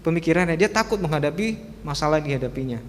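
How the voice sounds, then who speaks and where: A man's voice: fairly high pitch, animated, rapid-fire, slight background noise. A man preaching at a youth service in a casual, humorous way, chatting and laughing often as he talks. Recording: long hall reverb.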